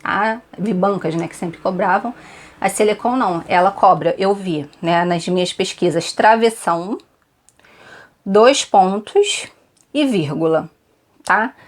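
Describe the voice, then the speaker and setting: A woman's voice: mid-range voice, slow. A woman with a Brazilian accent giving an online exam-prep lesson, chatty and repetitive, often checking in with her students. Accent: Brazilian Portuguese. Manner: chatty, repeats tips, frequent "tá?" check-ins. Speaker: Portuguese teacher for exam prep.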